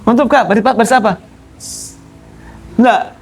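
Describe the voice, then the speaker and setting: A man's voice: very high voice, moderate pace. A man teaching a classroom grammar lesson, explaining step by step and often checking that his students understand. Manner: explains step by step, repeating key terms. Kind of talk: classroom lecture.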